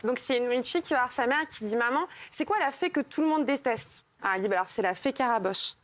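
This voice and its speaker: A woman's voice: a little high, lively intonation, fast talker, a loud crowd, heavy background noise. A woman telling jokes in a casual, slangy way on a TV comedy show. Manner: casual slangy joke delivery. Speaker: joke teller. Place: TV studio.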